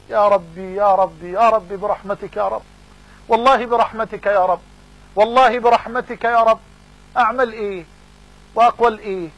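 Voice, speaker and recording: High husky Egyptian preacher. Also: male voice, a bit bright, poor audio. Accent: Egyptian Arabic. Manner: fervent, repeats phrases for emphasis. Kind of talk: sermon.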